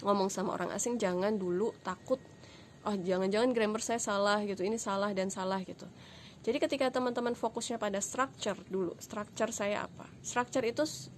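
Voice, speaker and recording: A woman's voice: medium pitch, a little hiss or hum. A woman from Indonesia giving a casual video lesson on English, chatty and joking, dropping English words into her talk. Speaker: English tutor.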